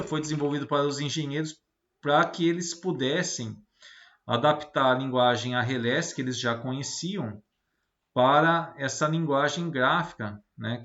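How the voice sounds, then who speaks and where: With a medium-pitched, slightly bright voice, a Brazilian teacher gives a casual technical lecture. His style is didactic, and he often adds quick tag questions to make sure listeners follow and agree. The sound is lo-fi, roomy, and a little muffled.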